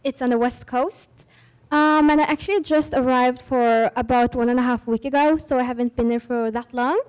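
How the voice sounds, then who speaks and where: A woman's voice: high voice, steady tone, moderate pace, darkish tone, clean tone. A young woman from Norway, politely introducing herself as an exchange student with a few fillers.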